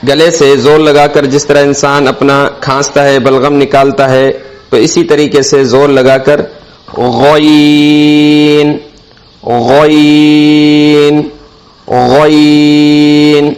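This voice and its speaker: Man slowly teaching letter sounds. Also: medium pitch, flat delivery, poor audio. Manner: drawn-out, carefully enunciated letter sounds. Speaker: Quran reading teacher. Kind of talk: slow instructional alphabet lesson.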